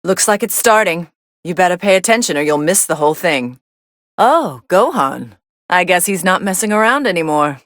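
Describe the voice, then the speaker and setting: Video game fight commentator: aloof young female android, lowish voice, sardonic deadpan delivery, very dry studio sound. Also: moderate pace, no room sound. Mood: cool, unimpressed.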